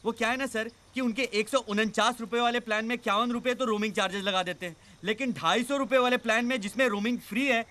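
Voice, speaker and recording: An actor playing a cheerful, naive tax clerk stranded outdoors on an island, who rambles politely and talks on and on. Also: male voice, very high voice, fairly even intonation, fast, few pauses, pushed and bright. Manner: talkative, polite, rambling, giggles. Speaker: simple-minded tax clerk.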